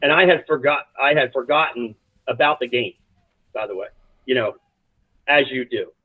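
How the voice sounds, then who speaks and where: A man from South Jersey, a college soccer coach, telling lively stories as a guest with lots of restarts. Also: medium pitch, normal speed, slightly rough, no echo. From South Jersey, USA. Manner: animated, rambling anecdotes with many restarts. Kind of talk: casual storytelling interview. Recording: dry, tinny phone-like line.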